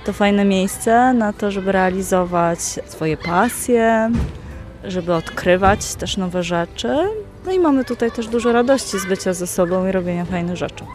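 A woman's voice: medium pitch, measured pace, a little mellow, soft background music. A woman representing a school, explaining its teaching program in a matter-of-fact way in an interview. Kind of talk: interview answers.

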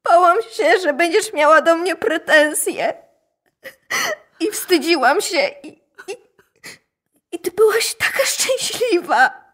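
Woman as a young daughter, radio drama, high voice, slow, halting and shaky. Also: animated, fairly bright tone, full character voice. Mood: frightened. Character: teenage daughter Kasia, frightened and bitter.

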